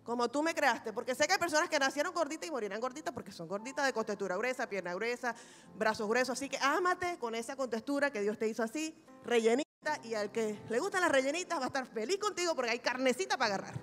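A woman pastor preaching a sermon, telling a personal testimony in an animated, humorous way. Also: high-pitched, quick pace, soft background music. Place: large church hall. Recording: reverberant church hall recording.

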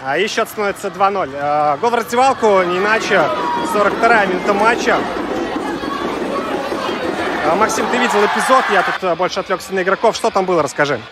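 High-voiced man amid very loud crowd noise. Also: fairly quick. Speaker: football match commentator. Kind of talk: live sports commentary addressed to a co-commentator. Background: loud crowd and outdoor stadium ambience.

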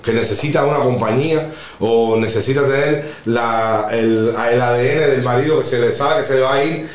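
A man with a mid-range voice argues his points calmly in a casual podcast conversation. The sound carries a roomy echo. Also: medium pitch, moderate pace. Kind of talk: casual chat.

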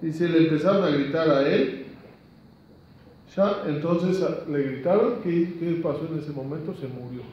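A man's voice: fairly high pitch, moderate pace, a little hiss or hum. A man, a rabbi dramatically telling a Talmud story in a lesson. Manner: dramatic, acts out quotes. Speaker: rabbi teaching Talmud stories. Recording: echoey room, distant dull mic.

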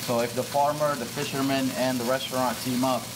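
A calm man in his thirties from Morocco explains his dish while he cooks, his voice mid-range and steady, with many small pauses. A lapel mic picks him up in a restaurant kitchen, and frying pans sizzle loudly behind him. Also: mid-range voice, background noise. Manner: calm, agreeable, with frequent "uh". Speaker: restaurant chef. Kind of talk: casual explanation while cooking.

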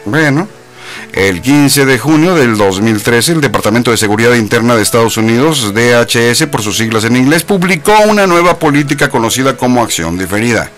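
A man's voice: mid-range voice, animated, fairly quick, fairly bright tone, soft background music. A man hosting a live internet radio show, chatting playfully and joking as he explains the news. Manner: jokey, playful, mock-mispronounces English.

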